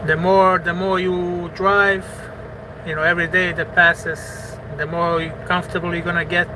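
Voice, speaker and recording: A man's voice: high-pitched, little pitch movement, normal speed, noisy background. A man, a truck driver chatting casually with his livestream viewers and circling back over his words with many "you know"s. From Bosnia. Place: parked truck at a truck stop.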